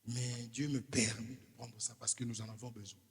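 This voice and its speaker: A man's voice: mid-range voice, flat delivery, moderate pace, breathy edge. A man with a Congolese accent, a preacher delivering an emphatic sermon with rhetorical questions to his congregation in a church hall. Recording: reverberant hall.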